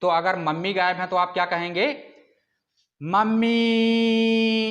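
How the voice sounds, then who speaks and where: A man's voice: sits high, fairly bright tone. A man teaching a class, explaining with rhetorical questions and stretching out sounds to demonstrate them. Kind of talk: classroom lecture.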